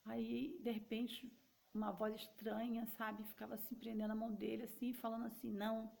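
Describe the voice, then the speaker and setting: A woman's voice: fairly high pitch, level tone, fairly quick, vocal fry, a little mellow. A woman with a Brazilian Portuguese accent telling a personal story in a casual, conversational way, speaking directly to her listeners.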